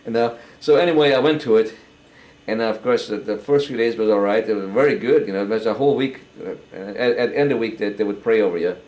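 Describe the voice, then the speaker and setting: An older man giving a halting, earnest personal testimony, often repeating words as he goes. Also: fairly low pitch, darkish tone, rough recording. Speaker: interviewee.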